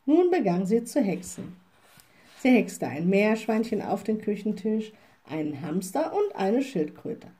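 Slow, expressive woman storyteller. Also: mid-range voice. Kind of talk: reading a children's story aloud.

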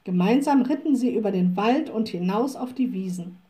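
A woman narrating a children's storybook in a calm, measured way. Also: mid-range voice.

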